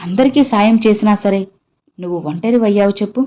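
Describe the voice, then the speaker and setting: A woman voicing a gentle, fatherly old holy man who consoles the listener as his own child with tender, pleading words. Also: medium pitch, fast, lightly acted. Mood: consoling. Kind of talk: devotional message voiced in first person.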